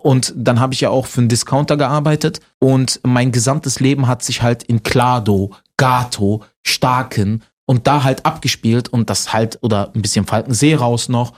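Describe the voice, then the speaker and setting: A man from Germany, a comedian chatting casually as an interview guest and telling stories with animated laughter. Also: medium pitch, moderate pace, hardly any pauses.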